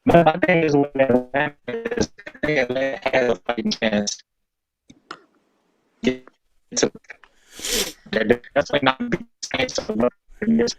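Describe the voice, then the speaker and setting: A man's voice: fairly high pitch, sing-song, a little slow, gravelly, long pauses, muffled recording, faint music behind. A man on a call that is breaking up. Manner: loose, with many fillers. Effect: online call audio breaking up, distant and choppy. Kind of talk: casual sports chat.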